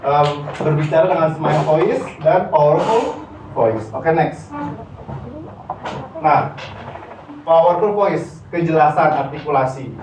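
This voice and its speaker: A man's voice: on the high side, slow, long pauses, noisy background. A man giving a casual public speaking workshop, talking straight to his students and dropping English terms into his speech. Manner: chatty, addresses audience directly, mixes in English terms. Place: university classroom. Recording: echoey room, distant mic, dull lo-fi sound.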